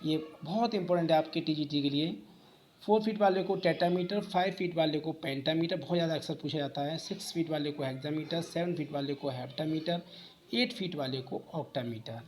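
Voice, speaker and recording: A man's voice: a little high, brisk, a little mellow, a little hiss or hum. Man teaching, asks and answers himself. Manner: explains step by step, asks and answers own questions. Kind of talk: exam-prep lecture.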